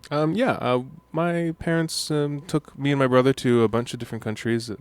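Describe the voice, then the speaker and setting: A young man guesting in a radio studio interview, explaining at length in a relaxed way with many ums. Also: medium pitch, brisk, clean tone, no room sound. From United States. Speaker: musician guest.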